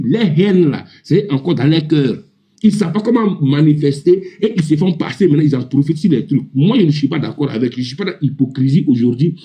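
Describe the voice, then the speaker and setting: A man from Ivory Coast, with a voice on the high side and a dark tone, speaks as a panel debate participant. Indignant and emphatic in the heated, informal live political debate, he keeps repeating himself in his Ivorian accent.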